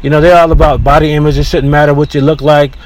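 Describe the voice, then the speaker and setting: A man hosting a casual solo podcast from inside his car, talking in an opinionated, rambling way with frequent restarts, over a low-quality recording. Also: little pitch movement, quick pace, darkish tone. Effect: low-quality in-car recording with faint background noise. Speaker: podcast host. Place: inside a car near a beach.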